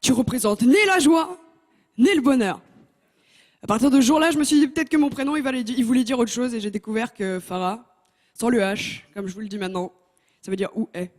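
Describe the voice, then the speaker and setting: Fairly high-pitched and quick, a young woman delivers stand-up comedy as a contestant on a TV talent show. Holding a handheld mic on stage, she keeps things lively and pokes fun at the audience.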